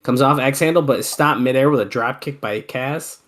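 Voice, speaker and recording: Calling an old wrestling match on a podcast, this sick, congested co-host speaks a little fast at medium pitch. He keeps the commentary relaxed, trading banter with his co-host between moves.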